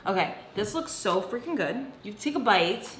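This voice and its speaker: A woman's voice: medium pitch, sing-song, moderate pace, fairly bright tone, a little hiss or hum. A woman talking casually to viewers as a food vlogger, in a chatty, informal and emphatic way. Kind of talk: casual vlog narration to viewers. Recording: roomy echo with music underneath. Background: background music.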